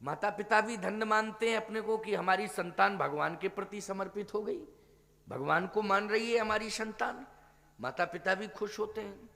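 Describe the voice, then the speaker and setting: High-voiced preaching man in a hall. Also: fairly even intonation, normal speed, vocal fry, bright, forceful tone. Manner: preaching with rhetorical questions to the audience. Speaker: spiritual teacher giving a Ramkatha discourse.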